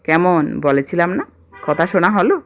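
A woman's voice: sits low, expressive, moderate pace, vocal fry, faint music behind. A woman voicing a shy young village wife who scolds her husband in jest. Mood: scolding. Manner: mock-scolding.

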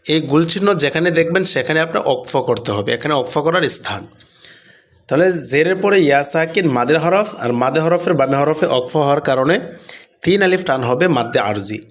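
A man teaching Quran recitation rules, stretching out words slowly as he recites, then explaining the rules and answering his own questions. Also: a little high, animated. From Bangladesh. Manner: asks questions and answers them himself. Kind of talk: Quran lesson with slow drawn-out recitation and explanation.

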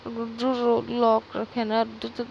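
A woman voicing a terrified, half-conscious young woman who stammers broken pleas in a higher, softer voice. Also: completely flat delivery, slow pace, creaky, highs cut off, a little hiss or hum. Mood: frightened.

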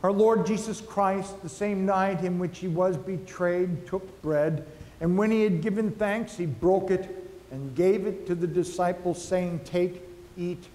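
A male pastor slowly and solemnly reciting liturgical prayers, heard with a long cathedral echo in a large church. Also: high voice, a little mellow, slight background noise. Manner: slow, measured, solemn recitation. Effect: cathedral echo, long church reverb. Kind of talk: liturgical prayer and communion rite. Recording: echoey church hall with faint music.

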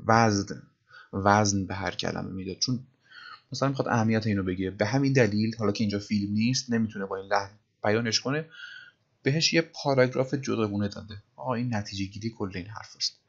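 A man with a fairly low voice teaches grammar in a relaxed, conversational way. He stops to read English phrases slowly and with weight on each word. The recording sounds a little dull and lo-fi. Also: gravelly. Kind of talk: casual grammar lesson in Persian.

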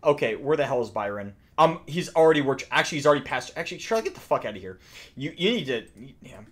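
A young adult video creator reacts to game voice lines from a small room at home, his commentary casual, exaggerated, jokey and full of swearing. His voice is on the high side, sing-song and fast, with slight background noise.

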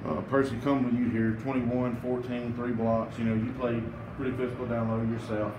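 A man asking questions at a post-game press conference, taking the long way round to each one. His voice sits at a middle pitch and sounds off-mic in an echoey room, with loud noise underneath. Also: little pitch movement, fairly quick. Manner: chatty, rambling lead-ins to questions. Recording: roomy distant sound with loud background noise.

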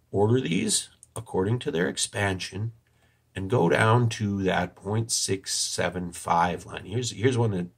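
A man presenting an informal analysis with a dry, deadpan, tongue-in-cheek delivery and a husky voice. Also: on the low side. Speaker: online video presenter. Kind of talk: informal analysis commentary over screen recording.

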